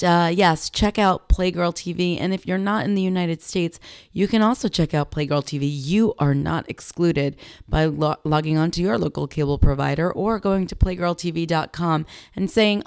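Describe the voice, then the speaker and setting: A young woman with a low, gravelly voice hosts her own podcast, chatting in a loose, self-joking way. She talks into a headset mic, and the sound is close and dry with no room around it. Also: normal speed, darkish tone, dry recording. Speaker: podcast host and sex educator. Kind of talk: unscripted solo podcast chat. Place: home studio in a big US city.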